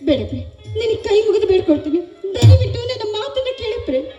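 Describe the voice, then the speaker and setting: A woman's voice: very high-pitched, big pitch swings, fast, lo-fi sound. A woman playing a guilt-stricken young woman who tearfully pleads, in a melodramatic stage drama. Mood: pleading. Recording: echoey hall with music behind.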